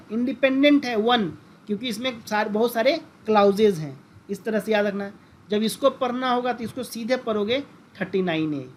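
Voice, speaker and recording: A man's voice: high-pitched, a little hiss or hum. A man teaching a lesson in lecture style, who keeps asking the class questions and repeating the key terms. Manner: addresses listeners as friends.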